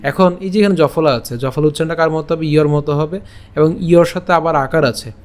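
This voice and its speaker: A young man teaches scripture pronunciation online. His voice sits fairly high, and he sounds each syllable out slowly and deliberately. He checks in with his listeners through frequent rhetorical questions. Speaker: Gita recitation teacher. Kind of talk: online lesson on Sanskrit pronunciation.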